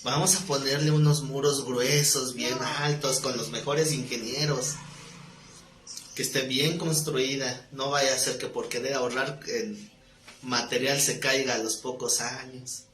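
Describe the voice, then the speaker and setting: A man's voice: mid-range voice, steady tone, measured pace, fairly bright tone. A man preaching a teaching sermon in a conversational way, asking his listeners questions. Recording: echoey room, faint noise.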